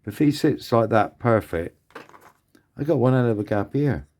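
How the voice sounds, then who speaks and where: A man's voice: medium pitch, expressive, moderate pace, a little mellow. A man building a scale model kit, mumbling and thinking aloud to himself in a casual commentary to his viewers.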